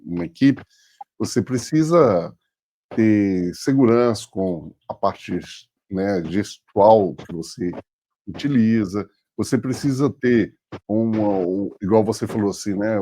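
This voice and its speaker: Mellow, husky-voiced Brazilian host. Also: male voice, fairly low pitch. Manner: loose, rambling questions with restarts. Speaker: podcast host. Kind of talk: casual interview chat.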